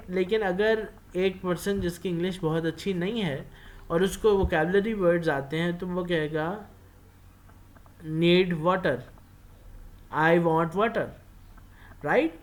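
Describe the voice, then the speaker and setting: A man with a Pakistani accent giving a university classroom lecture, mixing in English phrases and pausing often on fillers. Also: sits high. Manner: mixes Urdu with English phrases, many filler pauses.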